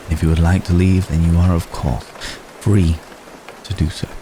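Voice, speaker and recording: This ASMR roleplay features a man in a low voice as an ages-old vampire gentleman smitten with love, gentle and concerned in mood. Over steady rain, he speaks formally and softly in halting, deliberate phrases, sounding tender and apologetic throughout the intimate monologue.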